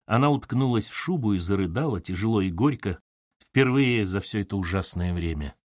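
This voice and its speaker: A man narrating a novel as an audiobook in an expressive reading voice. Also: fairly low pitch, brisk, no room sound, studio quality.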